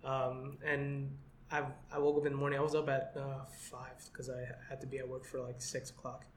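A young man in casual chat with friends, halting and repeating words with lots of "like". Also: mid-range voice, monotone. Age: young adult. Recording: echoey room, faint background noise.

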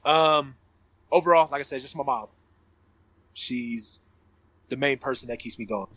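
A man's voice coming through a group online voice call as he hosts a casual chat. He talks in a relaxed, loose way and swears freely. The sound is dry, at an ordinary male pitch. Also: a little slow, breathy edge, no room sound. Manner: relaxed, loose talk with profanity. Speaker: podcast host.

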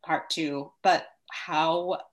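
A woman's voice: deep voice, fairly even intonation, extremely slow. A woman co-hosting a casual civic discussion, chatty and thinking aloud with lots of restarts and light laughs. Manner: laughs lightly while talking. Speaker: vice mayor, co-host.

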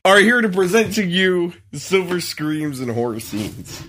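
A man's voice: sits high, lively intonation, measured pace, slight background noise. A man co-hosting a casual podcast, giggly and goofy, laughing often and slipping into silly voices. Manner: does silly put-on voices. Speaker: podcast co-host.

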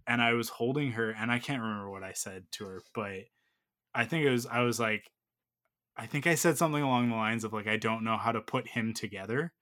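A man's voice: medium pitch, brisk, bright, forceful tone. A man in his thirties telling a long personal story in casual chat, full of fillers and restarts. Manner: rambling, filler-heavy storytelling.

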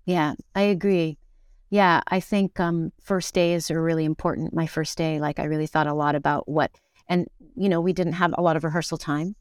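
A middle-aged woman with a deep, smooth, steady voice speaks at a moderate pace as an interview guest; she is an actor, director, and acting teacher. She talks casually and reflectively, searching for words and often checking in with "right?". The recording is dry with clean studio sound.

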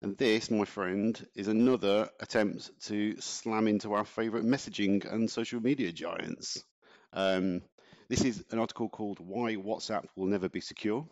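A man's voice: lowish voice, normal speed, darkish tone, muffled recording. A man co-hosting a casual chat podcast, talking in a chatty, ranting way and laughing often. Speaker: podcast co-host.

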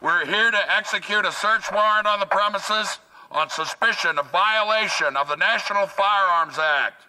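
A man's voice: high-pitched, normal speed, hardly any pauses, pushed and bright, low-quality recording. An actor playing a stern male federal agent, announcing a raid through a megaphone in a formal, commanding way. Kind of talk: film clip.

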